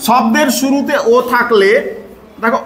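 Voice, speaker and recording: A man teaching a phonics lesson to pupils, patiently repeating sounds slowly and quizzing them. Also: very high voice, fairly bright tone. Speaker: English teacher. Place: echoey classroom with pupils. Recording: echoey room, faint background noise.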